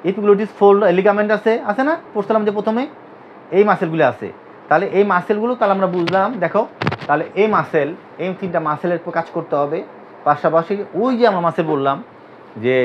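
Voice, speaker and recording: A man from Bangladesh, a physiotherapy teacher, leads an anatomy class and drills his students with repeated questions, having them say terms back to him. His voice sits high, with a slight hiss or hum. The recording is dull and lo-fi.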